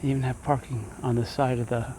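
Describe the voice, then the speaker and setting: A man's voice: medium pitch, flat delivery, fast talker, mellow, a little hiss or hum, low-quality recording. A man walking through a house, garage and yard, giving an easygoing home tour and thinking aloud as he goes.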